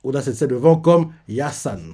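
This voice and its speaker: A man hosting a live reaction to a manga chapter, retelling it in an animated way with lots of fillers. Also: mid-range voice, moderate pace, breathy edge.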